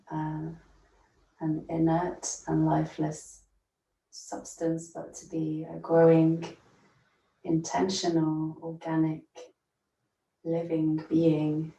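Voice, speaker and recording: A yoga nidra teacher, a woman with a low voice, guides a meditation slowly. She is gentle and soothing, unhurried, with long pauses. The sound is roomy with echo, and she is distant from the mic.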